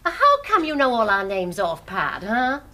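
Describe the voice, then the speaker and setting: A brassy American widow. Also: female voice, a little high, wildly swooping pitch, moderate pace, bright, forceful tone, heavily acted. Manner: brassy, sarcastic, says dear. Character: brash rich American widow, sharp-tongued. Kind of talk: 1970s TV whodunnit acting.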